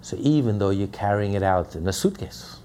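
A man's voice: lowish voice, animated, a little fast, mellow, a little hiss or hum. A man teaching a Torah lesson as a rabbi, speaking emphatically and repeating key phrases.

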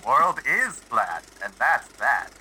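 A man doing an old-time newsreel announcer voice to read headlines aloud, in a slow, sing-song delivery. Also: mid-range voice, big pitch swings, pushed and bright, a little hiss or hum, exaggerated voice, poor audio. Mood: mock-grand. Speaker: podcast co-host.

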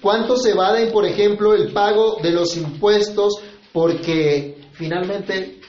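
A man, preaching a sermon. His voice sits a little high, and he keeps turning to the listeners with rhetorical questions. The room is echoey and the sound slightly muffled. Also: slow, a little mellow. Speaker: pastor.

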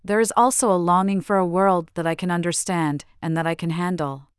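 Older woman from Chile, author in an interview, low-pitched, smooth clear voice, thoughtful and unhurried. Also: steady tone, no room sound, clean studio sound. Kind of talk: reflective interview answers.

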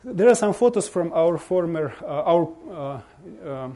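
Halting Russian-accented man, mellow voice. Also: on the high side, lively intonation. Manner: halting, searching for words in non-native English. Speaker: bishop giving a guest presentation. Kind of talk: informal slideshow talk to an audience.

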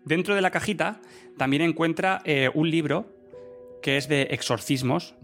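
A man's voice: on the high side, normal speed, fairly bright tone, faint music behind. A man in casual chat, leading a recap of a series and posing rhetorical questions. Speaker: podcast co-host.

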